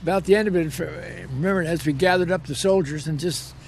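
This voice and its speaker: An elderly American war veteran in his 80s or older reminisces about his service during an interview. His voice sits on the high side and moves briskly, though he tells his story unhurriedly and repeats words for emphasis. There's slight background noise.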